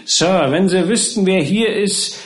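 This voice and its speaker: A man's voice: high voice, a little slow, voice pushed up. A man voicing a cheeky young male servant, breezy and teasing, with folksy dialect slips in his speech.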